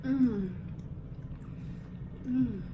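A woman's voice: fairly high pitch, extremely slow, noisy background. A young woman vlogger chatting casually to her viewers while chewing food as she talks. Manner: chatty, addresses viewers directly. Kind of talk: casual taste-test chat.

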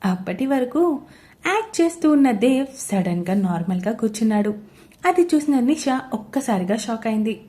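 A woman storyteller giving a scripted narration of a romance story in a steady, even reading. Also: fairly high pitch, moderate pace.

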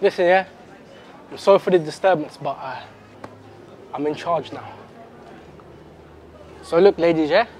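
Unhurried and pausing often, a young London man with a roadman accent does cheeky prank chatter for his vlog in a shopping centre's large clothing store. His voice sits on the high side and sounds a little mellow, with a faint crowd and slight hiss or hum in the background.

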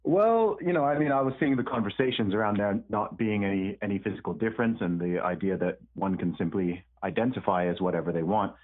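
Over a tinny, phone-like remote call line, a rapper being interviewed talks briskly with few pauses in a fairly low voice. Born in the UK to Nigerian parents and raised in Saudi Arabia, he has a mixed British-American accent and answers in a laid-back, hesitant manner full of ums and repeated words.

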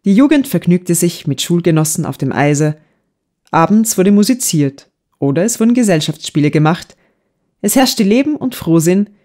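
A woman narrating a classic novel in an audiobook with an even storytelling voice. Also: low-pitched. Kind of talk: scripted narration.

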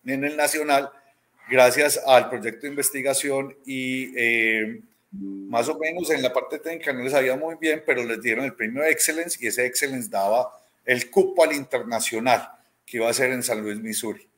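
A man in his thirties speaks in a mid-range, somewhat bright voice at normal speed, with a Colombian accent from Medellín. Being interviewed as a robotics teacher on a video call indoors in a small room at home, he tells casual stories, performs the quoted dialogue, and often tags with "¿cierto?".

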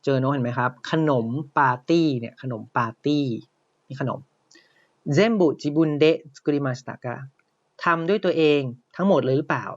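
A man's voice: mid-range voice, lively intonation, moderate pace, muffled recording. A Thai man with a slight Isan accent teaching a Japanese lesson online, explaining step by step and often checking that listeners follow. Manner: explains step by step, often says "นะครับ" and asks "ใช่ไหม".

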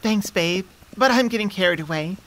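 With a natural mid-range voice at normal speed, a woman plays a teasing, affectionate young centaur girlfriend who flusters easily. It's an intimate ASMR roleplay, sweet, conversational, and fond in mood, recorded close on a studio mic with poor audio.

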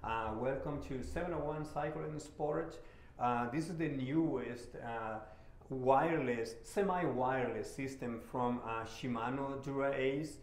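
A man, a bike shop mechanic giving a relaxed hands-on repair tutorial in a shop showroom. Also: medium pitch, unhurried, echoey room. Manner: relaxed and friendly, with many "uh" fillers.

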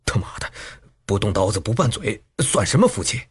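Narrator doing a coarse, swearing young fighter, audiobook. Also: male voice, a little high, lively intonation, fairly quick, fairly bright tone. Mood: groaning. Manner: gruff, cursing. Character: rough, cursing young male swordsman.

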